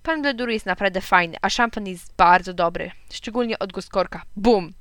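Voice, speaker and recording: A woman narrating a children's storybook in a lively, expressive way. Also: mid-range voice, normal speed, dry recording, clean studio sound. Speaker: audiobook narrator. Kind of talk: storybook reading.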